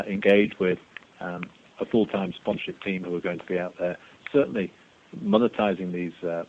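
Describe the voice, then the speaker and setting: A man answering interview questions as a sports executive, explaining in a measured way and repeating phrases as he goes. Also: low voice. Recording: dull radio sound with faint hiss.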